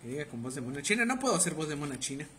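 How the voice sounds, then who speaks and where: A young man with a Mexican Spanish accent rambles through a live game stream, teasing his chat with crude banter. His voice sits a little high and comes across bright and forceful. A faint background hiss runs under the talk. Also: big pitch swings, racing. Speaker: livestreamer. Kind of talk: casual live gameplay commentary.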